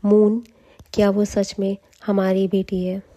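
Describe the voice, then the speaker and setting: A young male dragon slayer, shaken and resentful, read by a woman narrating a story recap. The lines come slowly in a dark, mellow voice with little rise and fall. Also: medium pitch, flat delivery, close to an everyday voice. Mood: upset.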